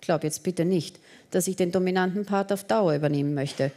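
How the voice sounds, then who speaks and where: A woman's voice: fairly low pitch, fairly quick, dark tone, natural voice. A woman reading the lines of an earnest young man who pleads and persuades in an audiobook romance. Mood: persuasive.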